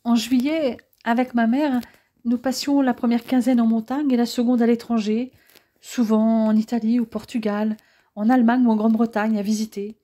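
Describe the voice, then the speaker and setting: A woman's voice: fairly high pitch, little pitch movement, moderate pace, dark tone, lightly acted. A woman reading the lines of a tender, romantic young man in an audiobook. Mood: fond.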